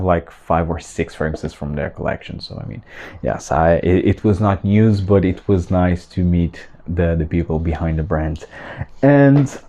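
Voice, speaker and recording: Deep-voiced man, enthusiastic and halting. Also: mellow. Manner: enthusiastic, halting with many fillers and restarts. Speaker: fragrance vlogger. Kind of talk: casual talk to camera.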